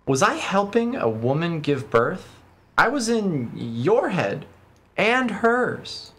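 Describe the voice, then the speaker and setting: A man's voice: high-pitched, very animated, slow pace, fairly bright tone, breathy edge. A man streaming a video game, switching between casual commentary and reading the game's text aloud. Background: game music.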